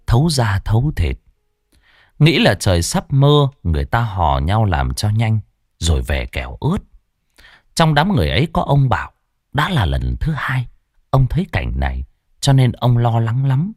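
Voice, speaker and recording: Dramatic horror storyteller. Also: male voice, medium pitch, wildly swooping pitch, moderate pace, a little mellow, no room sound, clean studio sound. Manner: dramatic, swooping storytelling delivery. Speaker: ghost story narrator. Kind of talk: scripted horror story narration. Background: faint background music.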